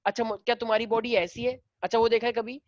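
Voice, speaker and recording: A man's voice: very high voice, little pitch movement, quick pace, no echo. Male teacher mid-lesson, quizzing the class, dull dry recording. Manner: mixes Hindi and English, quizzes students, affectionate. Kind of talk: classroom lecture.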